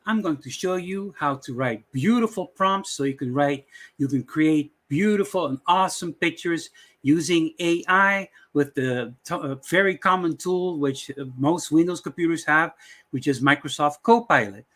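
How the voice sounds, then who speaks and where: This channel host, a middle-aged Dutch West Indian man with a Dutch accent, introduces a casual screen-share tutorial at normal speed. He rambles through plenty of fillers in a slightly bright voice on the high side.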